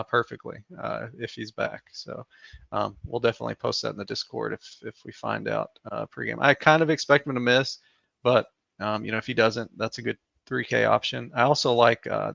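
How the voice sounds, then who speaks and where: A man's voice: medium pitch, vocal fry, fairly bright tone, dry recording, lo-fi sound. A man co-hosting a sports betting show, talking casually with many fillers and hesitations. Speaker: DFS analyst co-host. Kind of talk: casual podcast chat.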